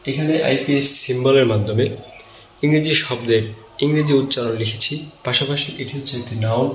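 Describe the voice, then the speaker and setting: A man giving a whiteboard pronunciation lesson, breaking words into syllables and repeating them slowly. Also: mid-range voice. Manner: slow, repetitive, spelling out syllables. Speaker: English pronunciation teacher. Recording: roomy echo with faint background hum.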